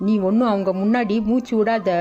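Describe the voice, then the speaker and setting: A woman voicing a greedy, scheming middle-aged mother-in-law who talks in a bossy, hushed, conspiratorial way in a cartoon story. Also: mid-range voice, fairly even intonation, brisk, natural voice. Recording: dull lo-fi audio with background music.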